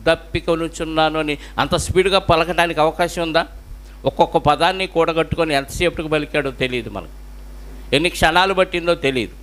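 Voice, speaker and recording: Male pastor with a Telugu accent, higher voice, preaching and asking the congregation questions. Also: a little fast, a bit bright. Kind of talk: sermon.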